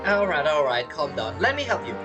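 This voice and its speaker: A woman with a low, very animated voice talks fairly quickly, her recording's highs cut off, while she plays a video game. She jokes around casually, teasing and reacting to the dialogue as faint game music plays.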